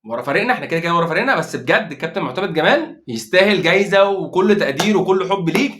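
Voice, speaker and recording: A man with an Egyptian Arabic accent giving a casual, excitable football commentary as a fan vlogger, repeating phrases for emphasis. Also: sits high, rapid-fire, slight background noise.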